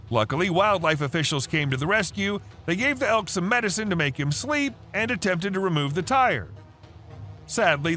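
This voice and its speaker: A man narrates wildlife videos in a high, bright voice with lots of melodic movement. He tells each story chattily, with asides to the listener, as music plays underneath.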